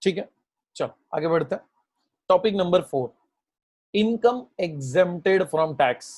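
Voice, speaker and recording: Indian male commerce tutor, measured classroom delivery, voice a bit high. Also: expressive. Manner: explains patiently, repeats key terms slowly for students. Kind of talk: classroom lecture mixing Hindi and English.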